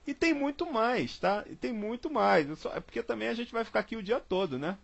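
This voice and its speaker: A man's voice: sits high, animated, a little fast, vocal fry, lo-fi sound. A man from Brazil leading an informal Bible study, chatty and repetitive, spelling words out letter by letter. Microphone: online call.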